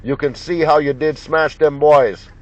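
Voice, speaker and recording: Unhurried and fairly high-pitched with fairly even intonation, a man works a CB radio, repeating call signs amid slangy, folksy joking. Loud radio noise and clicks fill the muffled, lo-fi recording.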